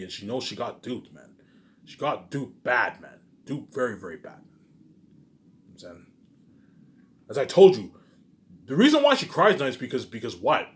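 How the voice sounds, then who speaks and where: Here a lone online vlogger, a man with a voice in the middle range, rambles without a script. Slangy and emphatic, he says things twice and drifts off mid-phrase into side remarks.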